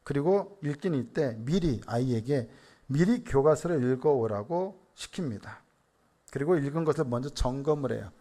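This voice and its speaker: A man's voice: mid-range voice, animated, normal speed, warm tone. A middle-aged man preaching a Sunday sermon. He asks the congregation questions, answers them himself, and tells stories about his family. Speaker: senior pastor.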